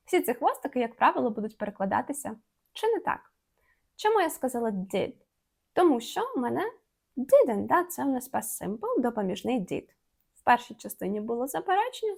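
Lively woman teaching English grammar. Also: fairly high pitch. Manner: playful, uses fond diminutive words; reads example sentences slowly and clearly. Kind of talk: online video lesson explaining grammar.

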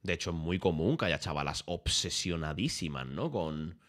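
A deep-voiced man talks over a video on his livestream. He jokes crudely and swears freely, in a casual reaction style. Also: expressive, normal speed, fairly bright tone. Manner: crude, joking, swears a lot.

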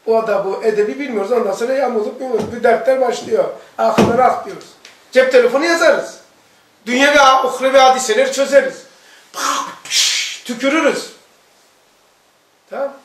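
A man's voice: very high-pitched, fast talker, a little hiss or hum. A middle-aged man, a religious teacher, giving a sermon and telling stories that he acts out in dialogue. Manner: animated storytelling, acts out dialogue. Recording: echoey room, voice from far off.

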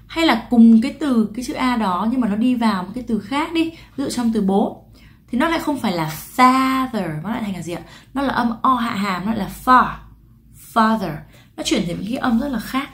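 Speaking fast with a fairly high pitch and lively intonation, a woman from Vietnam teaches English pronunciation straight to camera. She talks to her audience, answers her own questions, and lengthens each example word.

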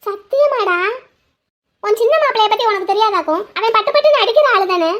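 A woman's voice: extremely high pitch, lively intonation, fairly quick, a bit bright, lo-fi sound. A woman voicing a quarrelsome young woman who pleads with and complains to her brother in a homemade drama. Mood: pleading.

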